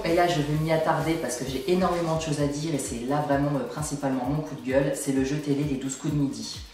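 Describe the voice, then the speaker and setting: In a slightly mellow voice on the high side, a young man vents to camera, emphatic and exasperated, complaining all the way through. This video blogger is recording in a small indoor room at home on a camera placed a short distance off, and the room comes across as distant and very echoey.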